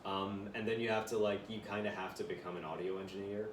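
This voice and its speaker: A man's voice: fairly low pitch, fairly even intonation, fast talker. A young adult man, a voiceover actor, talking casually as a podcast guest, chatty and full of fillers. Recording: roomy room, far mic, faint noise.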